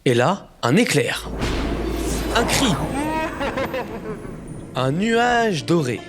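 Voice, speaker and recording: Man as young adventurer, high-voiced, vividly storytelling over music. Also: extremely slow, over a noisy crowd, heavily acted. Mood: suspenseful. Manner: expressive, suspenseful storytelling. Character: young Aladdin, poor adventurer telling his story. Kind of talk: dramatic scripted first-person storybook narration. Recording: music bed behind narration.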